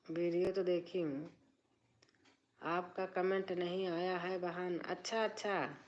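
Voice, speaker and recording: A middle-aged woman greets viewers on her live stream from a drawing room, speaking softly and unhurriedly. The sound is muffled and lo-fi, with a faint hiss under her voice. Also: on the low side, steady tone, takes it slowly. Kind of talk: casual live chat reading comments.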